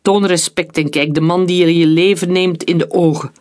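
A narrator doing a brutal shouting soldier. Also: medium pitch, steady tone, moderate pace, natural voice. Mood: scornful brutality. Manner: shouting, scornful. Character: brutal, leering male German soldier.

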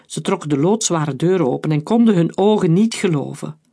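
A man reading a children's adventure story aloud in a lively, dramatic way. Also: on the high side, normal speed, gravelly. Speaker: narrator.

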